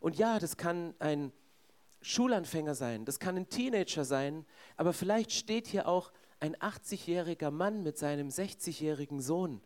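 A man's voice: a little high, animated, moderate pace. A man preaching a sermon in a conversational way, speaking directly to his congregation.

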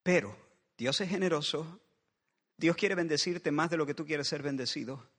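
A man's voice: a little high, moderate pace, a bit bright. A man preaching a sermon in a church, building passionate pleading refrains that circle back again and again. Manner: impassioned, with repeated pleading refrains. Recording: long reverb of a large hall.

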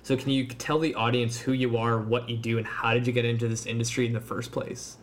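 A man's voice: mid-range voice, level tone, a little fast, slight background noise. A man hosting a podcast in a chatty way, laughing easily and using many casual fillers. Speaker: podcast host. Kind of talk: casual interview talk.

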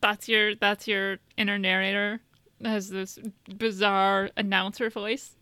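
A woman co-hosting a casual podcast, giving blunt, deadpan opinions. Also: medium pitch, measured pace, clean tone, no room sound. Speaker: podcast co-host. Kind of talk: casual chat.

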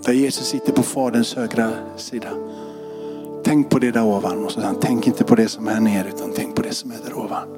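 A male pastor in a church sanctuary leads a closing prayer and tells a story, with music playing underneath. His medium-pitched voice stays steady in tone while his delivery takes on a fervent, repetitive cadence.

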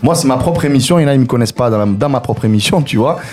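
A man hosting a radio show in casual chat, lively and full of hesitant fillers. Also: mid-range voice, racing. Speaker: radio host.

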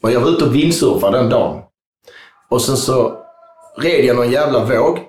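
A man's voice: mid-range voice, darkish tone, reverberant. A man telling a long story in casual interview chat, rambling and swearing freely. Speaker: guest.

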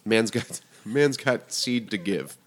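Joking man with a lively voice. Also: fairly low pitch, slow. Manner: jokey, laughs a lot. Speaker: podcast co-host. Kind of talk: casual chat.

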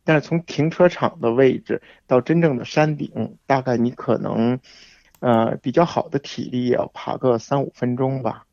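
Male radio guest, measured explainer, dull dry recording, plain mid voice. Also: medium pitch, steady tone, gravelly, darkish tone, no room sound. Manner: explanatory, measured, with frequent fillers. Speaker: guest hiking expert. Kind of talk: casual radio interview.

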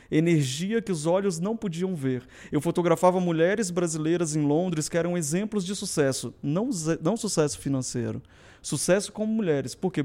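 A middle-aged man from southern Brazil tells his story in a casual interview. His voice sits high for a man, and he talks fast and with animation. He acts out the dialogue he quotes. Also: darkish tone. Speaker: guest photographer.

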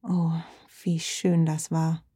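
A woman narrating a children's audio story in a soft, expressive way. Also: deep voice, takes it slowly, slightly rough. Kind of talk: scripted narration.

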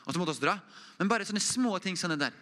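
A young man preaches an informal testimony in a church, earnest and conversational. His voice is bright and forceful and sits somewhat high. He often sinks to a soft hush when he speaks of quiet, intimate moments. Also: lively intonation. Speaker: preacher giving a mission report.

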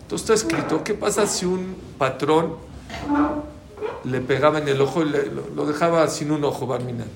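A man teaching a Talmud class to a live audience, lively and quizzing listeners with questions. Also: fairly high pitch, normal speed, gravelly, noisy background. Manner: animated, asks the audience questions. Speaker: Torah teacher. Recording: roomy room with faint ambience.

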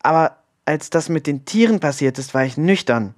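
A man's voice: a little high, animated, normal speed, pitched above the performer's own voice, natural voice. A man voicing an uneasy young woman who protests and exclaims. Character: young woman, anxious, easily exasperated.

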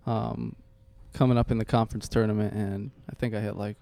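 A man's voice: lowish voice, little pitch movement, a little fast, gravelly, warm tone, no echo. A young adult man, a guest on a casual podcast, talking modestly and hesitantly with many ums. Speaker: podcast guest, baseball player.

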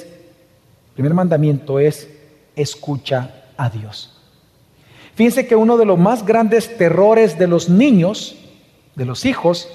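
A man preaching a sermon with a high, mellow voice. He speaks earnestly and keeps turning to the congregation with rhetorical questions. His voice carries a long reverb, as in a large church hall. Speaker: pastor.

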